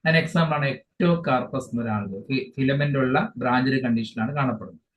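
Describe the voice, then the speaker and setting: A man teaching an exam-focused biology lesson, explaining each English term again in his own words and often pausing mid-phrase. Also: mid-range voice. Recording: dull lo-fi sound with faint hiss.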